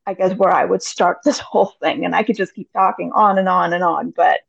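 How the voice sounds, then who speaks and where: A woman's voice: lowish voice, fairly even intonation, brisk, vocal fry, breathy edge, no room sound. A woman in her thirties, a podcast guest, chatting casually and rambling with many fillers. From United States. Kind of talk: casual interview chat. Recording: dull lo-fi audio.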